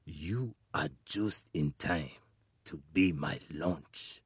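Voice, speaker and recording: A man voicing a hungry, menacing male leopard with a low, quiet growl. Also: drawn-out words, slightly rough, no echo, studio quality, exaggerated voice.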